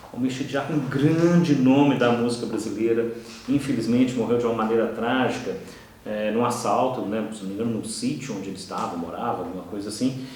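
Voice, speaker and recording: A Brazilian man with a Brazilian Portuguese accent gives an explanatory online lesson and keeps checking that his listeners are following. His voice sits at an ordinary pitch. He is recorded from a distance in a very echoey room, with a little background noise. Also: a little mellow. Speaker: teacher. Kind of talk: online course lecture.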